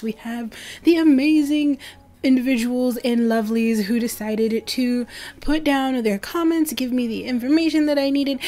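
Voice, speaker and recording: A woman's voice: fairly high pitch, a little mellow. A woman hosting a gaming channel, making a hyped, gushing, informal giveaway announcement to her viewers.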